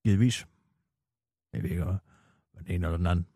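A man's voice: sits low, dark tone, husky, no echo, studio quality. A man playing a brazen, self-important female radio news anchor in satirical comedy, with a needling, theatrical manner. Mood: evasive, indignant.

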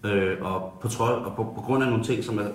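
A man's voice: lowish voice, close to an everyday voice. A man playing a tactless radio host who halts and restarts with frequent ums. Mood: explaining. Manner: halting, full of ums and restarts. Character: tactless male radio host who blurts dark jokes. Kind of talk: satirical talk-radio banter. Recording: roomy studio echo.

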